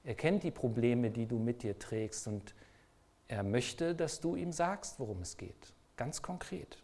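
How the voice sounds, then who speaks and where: A man's voice: medium pitch, animated, measured pace, a little mellow. A man preaching a sermon, speaking emphatically and asking the listeners repeated rhetorical questions.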